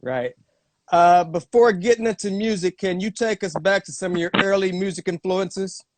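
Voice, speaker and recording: Man hosting an interview, slightly high voice. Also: moderate pace, dry recording. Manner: laid-back, filler-heavy questioning. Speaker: interview host. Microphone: live video call.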